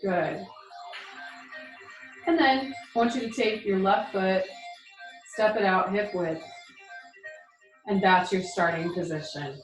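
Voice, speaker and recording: Female tai chi teacher, mid-pitched voice, encouraging, informal step-by-step cues, roomy echo. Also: takes it slowly, long pauses. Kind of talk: guided movement class with spoken cues. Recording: roomy echo, music behind.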